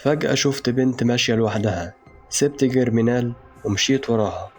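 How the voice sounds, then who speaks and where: A man with an Egyptian Arabic accent narrating a dark first-person story in a slow, brooding, intense way. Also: mid-range voice, soft background music.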